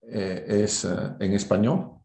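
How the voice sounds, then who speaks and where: A man with a low-pitched, gravelly voice with fry lectures at a university, explaining things informally and didactically and often ending statements with little tag questions. His tone is steady and warm, his pace slow, and the sound is roomy and echoing, as in an online class.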